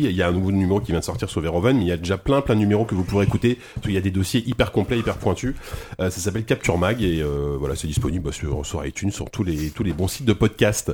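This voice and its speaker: A man's voice: low voice, animated, quick pace, a little mellow. A man hosting a casual podcast chat, rambling with many hesitations. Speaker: podcast host.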